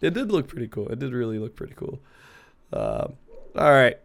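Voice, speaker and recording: Male podcast host, stuffy nose from a cold, relaxed casual chat, mid pitch. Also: moderate pace, creaky. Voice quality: congested, stuffy nose from being sick. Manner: laid-back, sweary, laughs often. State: sick with a cold. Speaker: host of a gaming talk show. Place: remote online group call, streamed.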